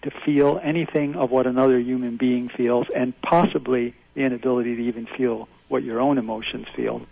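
Calling a radio show by phone, this man insistently and earnestly explains his theory in a gravelly, husky mid-range voice that's brisk and steady. The line is dry and muffled.

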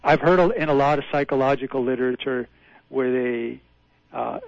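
Gravelly man calling in over the phone. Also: medium pitch, moderate pace, dry recording. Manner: earnest, insistent, explaining a theory. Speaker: radio call-in caller. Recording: dry, muffled phone line.

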